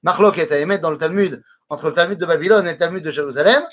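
A man teaching a Torah lesson, explaining words slowly and weaving in Hebrew quotations. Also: a little high.

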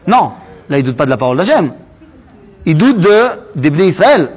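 A man teaching a lively Bible study class, asking quick rhetorical questions and mixing Hebrew terms into his talk. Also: a little high, husky. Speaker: Torah teacher.

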